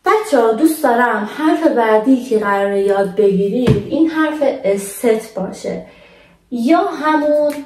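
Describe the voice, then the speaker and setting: A young woman teaching a language lesson in a patient, casual way, slowing down to model words for her viewers. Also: a little high, lively intonation, roomy sound, distant mic, noisy background.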